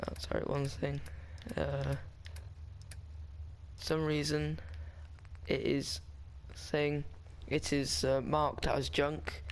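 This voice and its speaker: A man's voice: on the high side, level tone, extremely slow, creaky, a little hiss or hum. A man talking casually over a game walkthrough, rambling and chatty with frequent restarts. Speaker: gaming guide maker.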